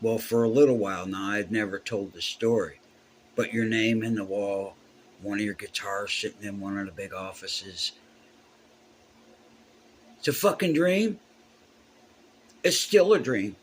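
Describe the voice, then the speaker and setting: A man's voice: lowish voice, unhurried, pauses often, slight background noise. A man, a musician telling a heartfelt, profane story in a casual way.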